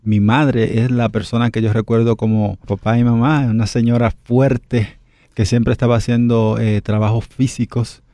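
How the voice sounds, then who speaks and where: A man's voice: medium pitch, level tone, moderate pace, mellow, dry recording, studio quality. A middle-aged man from the Republic, a radio guest telling memories in a thoughtful, hesitant way with many fillers. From Dominican Republic. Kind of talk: reflective interview storytelling.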